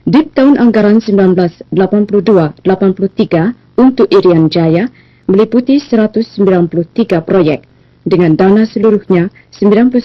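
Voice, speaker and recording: Woman, newsreader, formal bulletin, measured delivery, old 1980s broadcast sound, muffled lo-fi, dry. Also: mid-range voice, dry recording. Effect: old 1980s television news broadcast sound. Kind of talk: formal television news bulletin reading. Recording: dull, lo-fi, dry archive broadcast audio.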